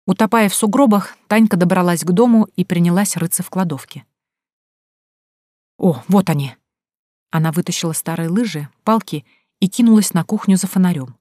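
A woman narrating a first-person story in a measured, expressive audiobook reading. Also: lowish voice, no echo, studio quality.

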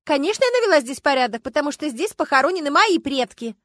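A woman voicing a haughty, indignant rich lady who speaks shrilly and loudly in an audiobook. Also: high-pitched, very animated, quick pace, no echo, pitched above the performer's own voice. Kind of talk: audiobook character voice.

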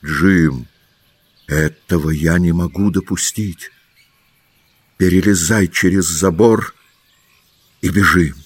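A man voicing a kindly, grave middle-aged doctor in an audiobook, speaking low, slow and earnest. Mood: urgent. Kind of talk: audiobook character voice.

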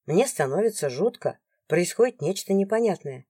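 A woman reading a first-person audiobook in an expressive, emotional way. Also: on the low side, normal speed, slightly rough, no room sound, clean studio sound. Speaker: audiobook narrator. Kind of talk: first-person scripted narration.

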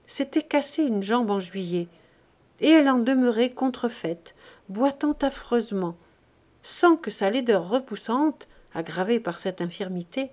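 Narrating a classic novel as an audiobook, a woman reads in a measured yet expressive manner. Her voice leans toward the high side.

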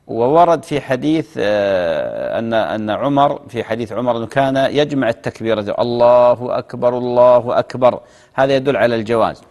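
Man, tv sheikh, quick delivery, reverberant studio. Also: medium pitch, expressive, a little mellow. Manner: measured explanations, chanting demonstration phrases. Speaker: TV fatwa show sheikh answering questions. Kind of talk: religious Q&A, explaining rulings.

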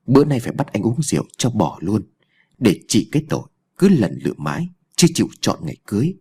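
Haughty young rich woman, put on by a male narrator: mocking, domineering, husky, audio story. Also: lowish voice, huge pitch swings, fast talker, dark tone, exaggerated voice. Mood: taunting.

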